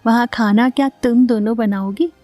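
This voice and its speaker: A woman's voice: a little high, normal speed, mellow, no room sound, faint music behind, natural voice. A woman voicing an impatient, scolding older man who heads the family, in a storybook reading. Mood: mocking.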